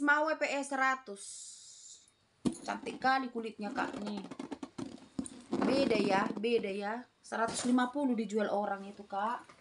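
A middle-aged Indonesian woman sells secondhand bags online from a small indoor room, her slightly high voice running through casual, repetitive live-selling patter as she calls out items and prices. There is background noise.

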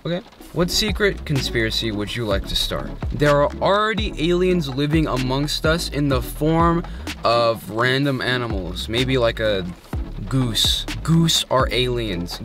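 With music behind him, a young adult vlogger sits in a parked car at night, his phone stretched out at arm's length. He has an expressive, medium-pitched voice and tackles quirky questions in a casual, joking manner, tossing in fast asides.

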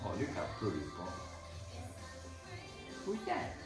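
A man's voice: lowish voice, wildly swooping pitch, slow. An older man, a grandfather, talking patiently in a coaxing sing-song baby talk to a small grandchild at home. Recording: very echoey home video with loud music.

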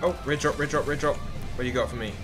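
A man giving excitable gameplay commentary as a hyped gamer bro, exclaiming in slang. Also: a little high, fast talker. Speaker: gaming video host. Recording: music behind the voice. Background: music.

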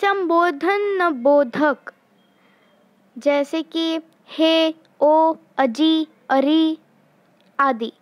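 Young woman teaching grammar, high voice, takes it slow, dry close sound. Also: dry recording. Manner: slow, explanatory, acting out example phrases. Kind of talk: Hindi grammar lesson.

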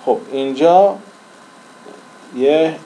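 A man's voice: fairly high pitch, warm tone, a little hiss or hum, rough recording. A man teaching a language lesson in casual Persian-language style, repeating and drawling example words as he writes.

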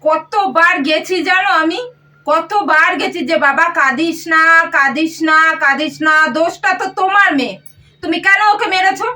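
A woman's voice: very high-pitched, normal speed, soft background music. A woman acting an aunt in a homemade comedy skit, coaxing a crying boy and scolding her husband. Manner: coaxing, scolding, repetitive urging. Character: coaxing young aunt and daughter-in-law. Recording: loud background noise.

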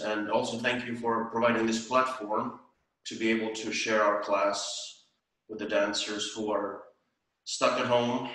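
A man's voice: fairly low pitch, fairly bright tone. An older man, teaching a ballet class at home and counting out the beat. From Estonia. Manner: counts rhythmically and sings out the beat. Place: home room with tiled floor. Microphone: far camera. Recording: echoey room from far off.

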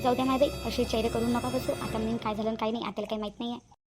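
Cartoon role: a woman voicing a high, fast, exclaiming village daughter-in-law. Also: fairly even intonation, music in the background, close to an everyday voice. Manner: exclaiming, gossipy. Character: chatty young village daughter-in-law, fussing. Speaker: cartoon voice actress. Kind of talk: cartoon family drama dubbing.

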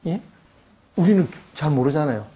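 A man's voice: fairly high pitch, expressive, moderate pace, dark tone. An older man giving an academic lecture, asking rhetorical questions and acting out quoted voices.

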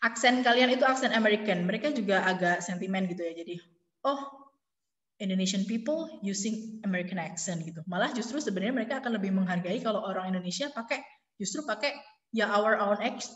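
A woman lecturer explains to a class at an easy pace, switching into English phrases and pausing on fillers. Her voice rings through a classroom with a long echo. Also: medium pitch, muffled recording. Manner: explains in Indonesian mixed with English, many fillers. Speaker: university lecturer. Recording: echoey classroom with long reverb.

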